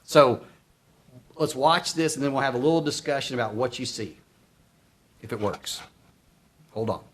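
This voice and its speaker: This instructor presenting at a conference is a middle-aged man from Arkansas, United States, with a medium-pitched, slightly bright voice at a normal speed. He leads his workshop in an easy, conversational style, asking questions and echoing responses. The conference room's faint noise comes through a distant mic in a roomy recording.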